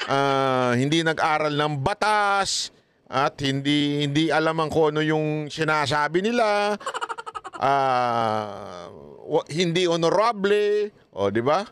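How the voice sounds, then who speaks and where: A man's voice: on the high side, lively intonation, slow, fairly bright tone, a little hiss or hum. A man giving casual political commentary, mocking and laughing often, throwing rhetorical questions at his viewers.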